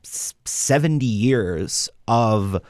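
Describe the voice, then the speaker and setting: A man with a lowish voice delivers a deadpan comedy report on the radio, stumbling through ums and restarts as he reads from a draft. The sound is close and dry, with no room around it. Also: drawn-out words, no echo. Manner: hesitant, full of ums and restarts, reading from notes. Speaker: co-host presenting a report.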